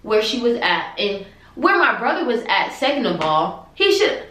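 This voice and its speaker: Animated young woman telling a story. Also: a little high, moderate pace. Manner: animated, dramatic storyteller, exasperated. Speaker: vlogger. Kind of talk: storytime vlog. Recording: echoey room.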